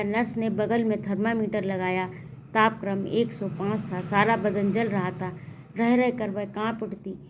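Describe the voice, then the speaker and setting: A woman reading a novel aloud as narrator, in a steady, expressive storytelling manner. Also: medium pitch, slight background noise. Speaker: audiobook narrator.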